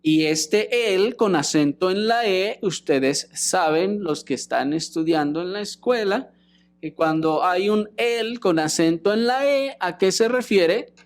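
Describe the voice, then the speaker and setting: Guy preaching a sermon, slow and teacherly, keeps asking the crowd questions. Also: high-pitched, lively intonation. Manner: teaching, asks the congregation rhetorical questions. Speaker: pastor.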